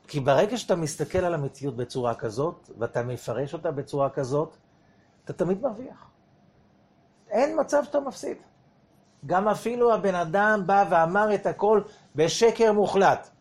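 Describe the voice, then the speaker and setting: A man's voice: a little high, sing-song, a little mellow, slightly rough. A man teaching a lesson on the weekly Torah portion, often asking his listeners rhetorical questions as he explains.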